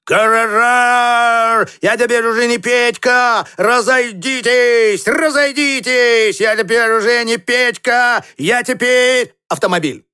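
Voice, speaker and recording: A man voicing a small boy who pretends to be a car, shouting in slow, stretched words. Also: extremely high pitch, expressive, voice pushed up, full character voice. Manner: loud, drawn-out shouting.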